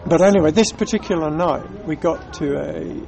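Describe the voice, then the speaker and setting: A touring cyclist from the North of England chats casually about his travels in a Northern English accent, telling stories and frequently restarting his sentences. His voice is on the high side and creaky, at a moderate pace, over background music on a rough recording.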